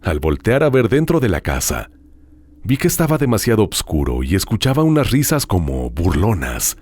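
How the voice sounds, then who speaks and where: Male horror-story host, very deep and slightly raspy, expressive dramatic delivery. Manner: dramatic, hushed storytelling with drawn-out pauses. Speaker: host reading listener horror stories. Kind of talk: scripted horror narration.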